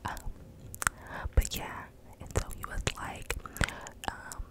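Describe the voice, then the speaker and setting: A young woman whispers the whole time, very close to the microphone, telling a personal story ASMR-style. She goes slowly, casual and slangy, rambling along with frequent hesitations.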